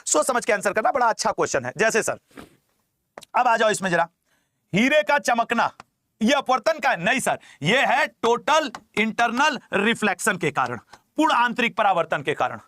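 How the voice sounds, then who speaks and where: High-pitched bright male exam tutor. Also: big pitch swings, moderate pace. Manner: teasing, chatty, repeats key terms. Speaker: teacher. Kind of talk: exam-prep lecture.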